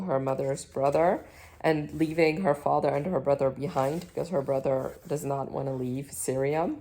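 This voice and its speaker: A woman's voice: sits low, dark tone. A young woman from Iraq, raised in the Netherlands, chatting to camera at home about the books she is reading, rambling with fillers and self-corrections. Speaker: book vlogger. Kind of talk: casual chat to camera. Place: at home on a couch.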